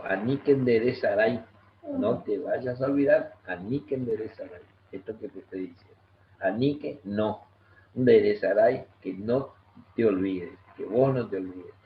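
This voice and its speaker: Patient, low-voiced Argentine man teaching. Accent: Argentine Spanish. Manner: patient, didactic, repeats key words rhythmically. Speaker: guest teacher of Guaraní language and culture. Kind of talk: explanatory talk in an online discussion. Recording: echoey muffled room with faint noise.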